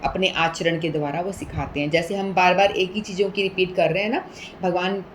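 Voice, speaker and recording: A woman's voice: fairly low pitch, slight background noise, low-quality recording. Woman patiently explaining scripture in Hindi. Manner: patient, explanatory, repeats points with everyday examples; mixes English words into Hindi.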